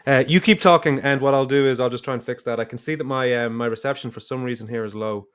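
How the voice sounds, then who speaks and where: A man's voice: medium pitch, fast talker, a bit bright, clear, resonant tone. A man chatting casually and laughing easily as a stream host, heard over a lagging, glitchy video-call connection. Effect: glitchy, lagging video-call audio. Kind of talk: casual chat. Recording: distant, wobbly online call line.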